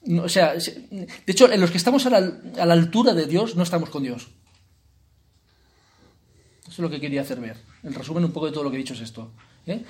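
A chatty retreat leader gives an informal spiritual talk in a conversational style, sprinkling "¿eh?" and "¿no?" through his sentences and tossing in jokey asides. His voice is a little high with a darkish tone.

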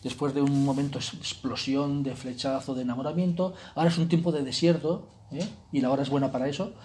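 A man leading a spiritual retreat in an informal, conversational way, often tagging his sentences with quick checks to the group and slipping in jokey asides. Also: mid-range voice, fairly even intonation, a little mellow. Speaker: retreat leader.

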